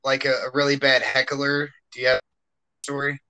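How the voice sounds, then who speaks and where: A man's voice: mid-range voice, little pitch movement, moderate pace, sharp tone, smooth, rough recording. A man hosting a comedy podcast, asking questions and sharing his own stories in a laid-back way, chuckling in between. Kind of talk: casual interview chat.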